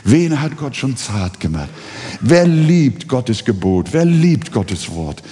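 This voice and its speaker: A male pastor who preaches a sermon, telling the story slowly and dramatically. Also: mid-range voice, big pitch swings, mellow, husky, in a large hall.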